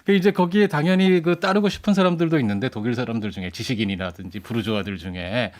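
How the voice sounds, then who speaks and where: A man speaking as a guest commentator in a radio studio, talking quickly in a lecturing, explanatory way. His pitch sits in a middle range. He restarts phrases now and then as he builds his point. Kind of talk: radio current-affairs discussion.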